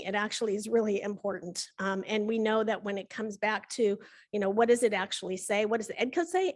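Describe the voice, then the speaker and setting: A woman's voice: medium pitch, darkish tone. A middle-aged woman on commission staff giving a conversational workshop presentation on regulations, with frequent fillers.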